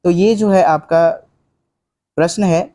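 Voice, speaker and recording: A young male coaching teacher runs an online exam-prep class, reading out quiz questions and asking his students for the answers. His voice sits slightly high but sounds soft and mellow. He talks casually, keeps saying "ठीक है" and drops in English phrases. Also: fairly even intonation, a little slow. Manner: conversational, fills with "ठीक है", quizzes students rhetorically, mixes in English.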